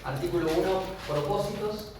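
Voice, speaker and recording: Speaking at a moderate pace in a high-pitched voice, an Argentine-accented man delivers a university law lecture, walking through points step by step and regularly checking on his students. The recording is distant, echoey and noisy.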